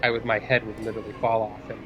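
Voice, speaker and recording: A man's voice: on the low side, monotone, very fast, music in the background. A man co-hosting a theme park fan show in casual chat, on a noisy, lo-fi live stream recording.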